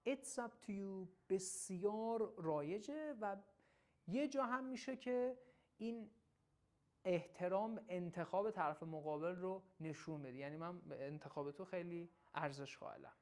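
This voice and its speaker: A woman teaching everyday English phrases in a casual lesson, saying each phrase slowly and then explaining it quickly. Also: on the low side. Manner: praises the listener warmly when coaching them to repeat.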